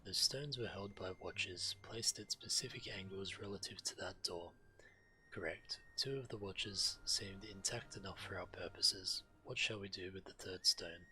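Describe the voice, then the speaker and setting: Over video game music, this man streams games, reading quest text aloud and adding commentary as he plays. His low voice moves at normal speed, sounding pushed and bright, and the poor audio carries a little hiss or hum.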